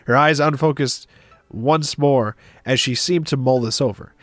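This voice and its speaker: Here a streamer reads a visual novel out loud, adding offhand remarks along the way. His pitch is medium and his pace measured, and the recording has no room sound, just music beneath his voice.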